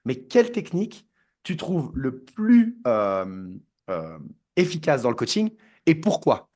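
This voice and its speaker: A man's voice: on the high side, wildly swooping pitch, slow, darkish tone. Talkative man hosting a podcast. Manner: searching for words, many fillers. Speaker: podcast host. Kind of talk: casual interview chat.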